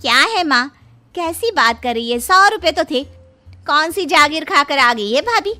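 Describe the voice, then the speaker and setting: A woman voicing a sharp-tongued young sister-in-law in a cartoon, talking back loudly. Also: sits high, sing-song, moderate pace, soft background music, heavily acted. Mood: snippy. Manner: snippy, talks back.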